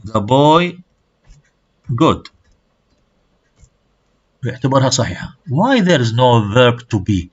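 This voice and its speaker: This Arabic-speaking university lecturer is very animated, with lots of pitch movement, yet keeps a measured pace with long pauses. Alternating English and Arabic, he explains terms and checks with students. The sound is dull, muffled and lo-fi.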